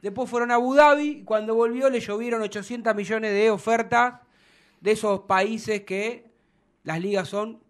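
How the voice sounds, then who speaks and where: Man, Argentine Spanish accent, football talk show host, slightly high voice, emphatic, argumentative. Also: fairly even intonation, moderate pace. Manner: emphatic, argues points with acted-out quotes. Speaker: radio sports show host.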